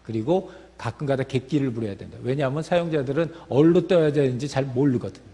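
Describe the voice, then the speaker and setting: A man's voice: medium pitch, fast talker, mellow. A man giving a lecture, explaining step by step with fillers and restarts. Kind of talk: lecture talk. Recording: long reverb of a hall.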